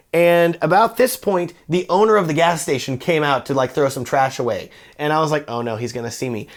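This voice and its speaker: Chatty enthusiastic guy reviewing camera gear. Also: a little high. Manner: enthusiastic, chatty, direct to viewer. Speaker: wedding filmmaker reviewing gear. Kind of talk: casual product review.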